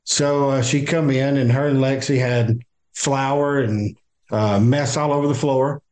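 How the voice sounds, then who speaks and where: Older Southern man, interview guest, speaks haltingly with fillers and restarts. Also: medium pitch, steady tone, a little mellow. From American South. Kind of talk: interview, personal account.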